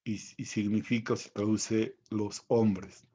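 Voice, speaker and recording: Guy teaching greek slowly, dark mellow voice, kinda dull lo-fi sound. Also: lowish voice, little pitch movement, slightly rough. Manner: slow, careful, spells out pronunciations. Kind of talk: recorded online lesson.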